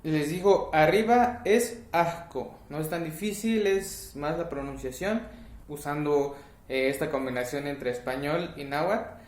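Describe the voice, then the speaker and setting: A young man from Puebla gives a relaxed language lesson. His voice sits a bit high, and he keeps rephrasing and repeating terms slowly. The room around him echoes noticeably. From Puebla, Mexico. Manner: repetitive, self-correcting, slow when stressing words. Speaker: Nahuatl language teacher. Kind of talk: casual lesson to camera.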